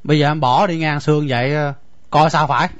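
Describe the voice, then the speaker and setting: A man voicing a stubborn young village husband with a Southern Vietnamese accent, stammering and halting as he pleads. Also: on the high side, fairly even intonation, no room sound, natural voice. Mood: pleading. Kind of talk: radio drama acting. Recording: dull dry lo-fi recording, faint music.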